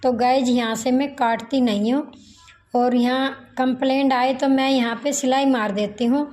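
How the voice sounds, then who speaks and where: High-pitched woman doing a slow sewing tutorial, repeats numbers as she cuts. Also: steady tone, a little mellow, rough recording. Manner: slow, repetitive, counting measurements aloud. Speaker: tailoring teacher.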